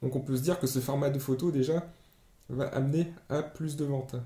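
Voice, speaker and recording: A man giving a screen-share tutorial as an online sales trainer, explaining step by step and pausing often on fillers. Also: medium pitch, fairly even intonation, mellow. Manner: explanatory, hesitant with many fillers. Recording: roomy echo.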